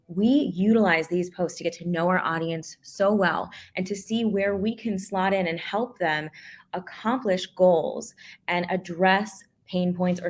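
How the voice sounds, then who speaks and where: A woman co-hosting a live business webinar, explaining with energy and quick restarts as she teaches. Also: fairly low pitch. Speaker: co-host and business coach.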